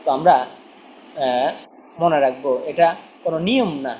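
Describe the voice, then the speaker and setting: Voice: medium pitch, expressive, lo-fi sound, slight background noise. Teacher drilling spelling. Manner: slow, repetitive letter-by-letter spelling and question-answer drilling. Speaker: Quran reading teacher.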